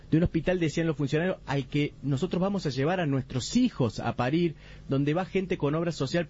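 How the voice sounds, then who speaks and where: A man giving a live radio report from a court trial, laying out the events in steady detail with frequent restarts. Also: on the high side, husky. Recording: muffled radio audio.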